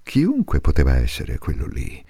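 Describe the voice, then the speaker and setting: A man reads literary prose aloud in a very low, dark, gravelly voice. His delivery is measured and intense, with a lively, swooping melody and occasional drops to a hush. The recording is dry and close. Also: no echo. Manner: slow, measured and intense, with hushed passages. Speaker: reader. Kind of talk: dramatic literary reading.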